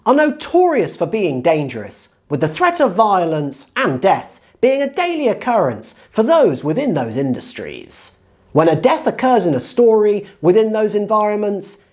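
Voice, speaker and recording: A woman giving scripted narration for a writing-tips video, explaining in a measured way with strong emphasis. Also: medium pitch, a little mellow.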